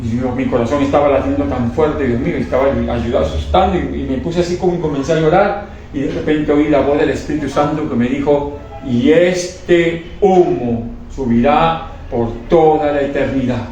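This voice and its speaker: A man's voice: a little high, fast talker, hardly any pauses, a little mellow. A man giving an emotional religious testimony. He speaks with fervor, repeats himself and often stumbles into restarts. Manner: fervent, repetitive, stumbling restarts. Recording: echoey room, distant mic, faint noise.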